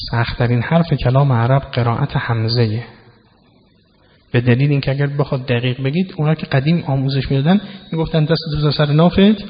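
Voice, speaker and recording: A male religious lecturer gives a sermon, explaining scripture word by word and swinging between loud emphasis and low asides. The recording is dull and lo-fi, made in a reverberant hall.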